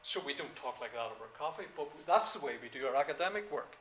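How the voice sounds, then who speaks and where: Older man lecturing, halting. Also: on the high side, animated, fairly bright tone. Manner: halting with many fillers, then emphatic. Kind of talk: classroom lecture. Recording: echoey lecture room, faint ambience.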